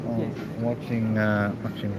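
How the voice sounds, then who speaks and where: Man live streaming amid clear background noise. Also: lowish voice, completely flat delivery, measured pace. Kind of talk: casual chat with live viewers. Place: busy airport waiting area. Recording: noisy airport background ambience.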